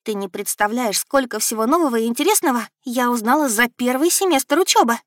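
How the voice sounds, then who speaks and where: A woman voices a spirited young noblewoman who argues with eager indignation. Her voice sits high and is recorded dry and close. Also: normal speed, a bit bright, no room sound. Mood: indignant.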